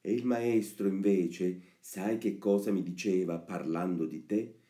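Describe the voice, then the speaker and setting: A man's voice: low voice, fairly even intonation, unhurried, mellow. A man voicing a carefree young wooden puppet boy who gushes in a raised voice. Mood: delighted. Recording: roomy echoey recording.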